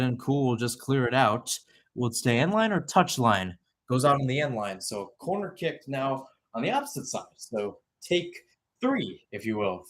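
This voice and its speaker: Here a young man delivers live soccer play-by-play in the manner of radio, tossing out short clipped phrases, side comments and corrections of himself. The sports commentator's mid-range voice has a slightly bright quality.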